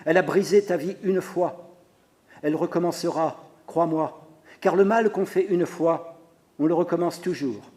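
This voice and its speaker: A man's voice: fairly high pitch, moderate pace, mellow, close to an everyday voice. A man reading aloud as an exasperated husband who is breaking with his mother-in-law, firm and blunt. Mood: bitter.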